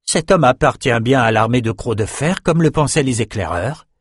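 Un homme qui joue un général vétéran, grave et posé, dans un livre audio au son sec de studio. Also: male voice, medium pitch, expressive, moderate pace, husky, no room sound. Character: stern veteran general, grave and resolute. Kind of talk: audiobook dialogue. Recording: dry studio recording.

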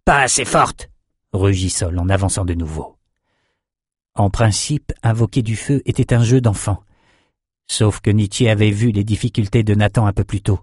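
A man with a lower voice reads a fantasy audiobook in a steady, measured way. The sound is dry and close, with no room around it. His delivery stays even throughout. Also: slightly rough, dry recording. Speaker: audiobook narrator. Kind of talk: scripted fantasy narration.

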